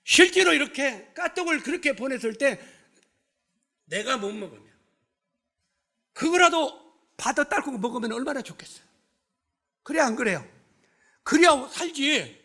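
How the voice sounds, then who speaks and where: A man's voice: very high-pitched, expressive, moderate pace, long pauses, bright, forceful tone. A male pastor preaching in a church. He keeps putting rhetorical questions to the congregation and scolds bluntly with humor. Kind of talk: sermon. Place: church sanctuary.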